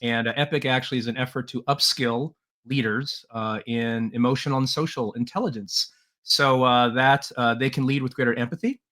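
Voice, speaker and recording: A middle-aged Taiwanese man, guesting on a podcast as a leadership trainer, recounts his life story earnestly in a mid-range voice with fairly even intonation. He talks at a moderate pace with a fairly bright tone, dropping in lots of "uh" fillers and light laughs in this relaxed interview.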